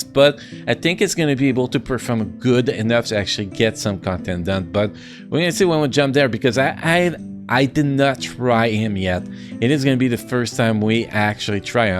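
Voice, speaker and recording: Excitable French-accented man reviewing games. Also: mid-range voice. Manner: excitable, sound effects and restarts. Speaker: mobile game reviewer. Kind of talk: casual gameplay commentary.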